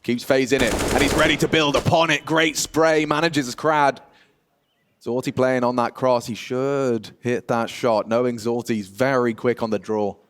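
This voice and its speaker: A man commentating an esports match play-by-play as a caster, with excitable exclamations and dramatic phrasing. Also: medium pitch, normal speed, no echo. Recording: loud game gunfire and clicks behind. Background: gunfire and clicks from a video game.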